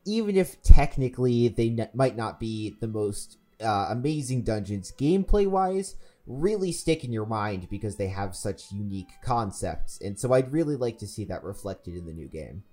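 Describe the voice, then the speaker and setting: Mellow-voiced man in casual discussion. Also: fairly low pitch, very animated, normal speed, hardly any pauses, faint music behind. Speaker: podcast regular.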